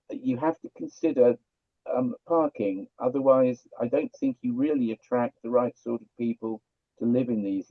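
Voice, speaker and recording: A man's voice: mid-range voice, no room sound. A man speaking as a town councillor in a committee meeting, hesitant and full of restarts, over a video call. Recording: dry, dull lo-fi call audio.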